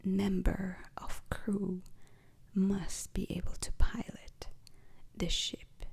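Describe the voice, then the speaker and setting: In a whispered ASMR roleplay, a woman plays a calm, methodical space-mission instructor giving a lecture. Her medium-pitched voice is breathy and crackly, and she leaves deliberate pauses between short phrases.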